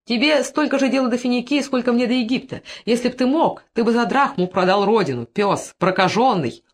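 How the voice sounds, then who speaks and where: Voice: mid-range voice, husky, voice pushed up. A reader doing a grey-bearded old host. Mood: furious. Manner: soothing and slow when calming, fierce when roused. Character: grey-bearded elderly male host, peacemaker turned furious. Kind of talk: audiobook character reading.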